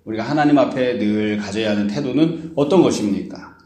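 A man's voice: lowish voice, fairly quick. A man preaching a sermon, explaining a scripture passage and acting out its speakers in casual paraphrase. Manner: acts out the biblical speakers with lively paraphrase. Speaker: pastor. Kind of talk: sermon exposition. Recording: roomy echo.

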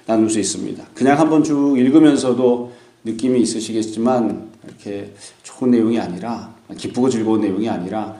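Guy doing a bible teaching, calm explainy tone, voice trails off at the end of lines, kinda echoey room. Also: lowish voice, a little fast. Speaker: preacher.

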